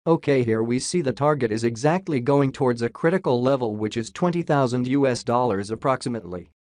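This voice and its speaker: A man's voice comes through a robot voice filter, sitting at a middling pitch. He talks casually over a screen share of price charts and drops jokes as he goes. The sound is dry and close, with no room around it. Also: fairly quick, a little mellow, no room sound. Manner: jokey, says "lol" aloud. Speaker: crypto chart analyst.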